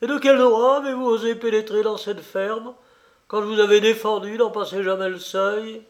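A man's voice: high-pitched, steady tone, a little slow, voice pushed up. A man voicing a grieving, wrathful old farmer in a storybook reading, with a quavering voice and bitter, commanding outbursts. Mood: furious.

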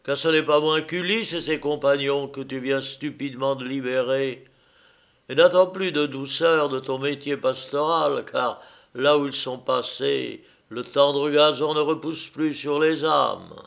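A man voicing a cunning, commanding Greek hero who shouts taunts across the water. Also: medium pitch, unhurried, creaky. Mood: scornful.

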